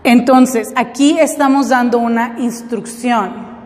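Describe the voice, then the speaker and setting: A woman's voice: a little high, fairly even intonation, takes it slowly, a little mellow, in a large hall. A woman teaching English, explaining step by step and often checking that her students follow. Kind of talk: classroom lesson.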